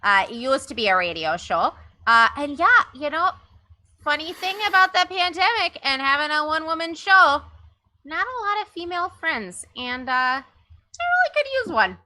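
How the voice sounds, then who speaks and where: A woman's voice: sits high, very animated, normal speed, pushed and bright, heavily acted. A woman playing a prim, flustered middle-aged podcaster who is looking for a best friend on a game show. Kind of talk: improv comedy character.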